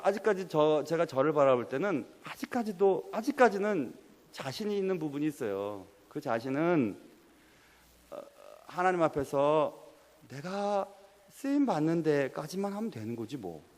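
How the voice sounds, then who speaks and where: Lively young male pastor preaching. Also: fairly high pitch, normal speed. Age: young adult. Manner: lively, quizzes the congregation and presses them. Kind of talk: sermon. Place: church sanctuary. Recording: long hall reverb.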